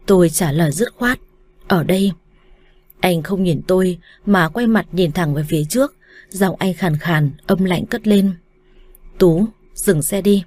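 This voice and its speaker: A woman narrates a first-person romance story as an audiobook, calm and measured, with a fairly low pitch.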